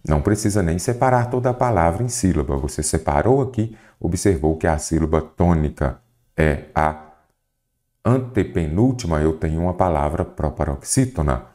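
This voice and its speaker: A man's voice: sits low, normal speed. A man with a Brazilian Portuguese accent teaching an exam prep grammar lesson, explaining step by step and asking the viewer questions. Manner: didactic, questioning the viewer, lively emphasis.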